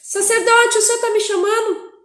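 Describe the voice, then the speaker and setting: A timid young boy, put on by a woman teacher pipes up in a high, anxious voice for a children's Bible lesson. His words come out fretful and earnest. The room rings with echo. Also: fairly even intonation, moderate pace, a bit bright. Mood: eager.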